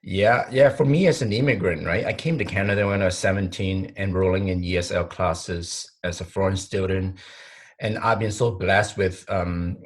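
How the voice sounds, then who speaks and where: A man's voice: low-pitched, breathy edge. A man, speaking sincerely and measuredly as a podcast guest. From Hong Kong. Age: 40s. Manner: sincere, measured, with some repeated words. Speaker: interview guest, company president. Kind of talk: conversational podcast interview.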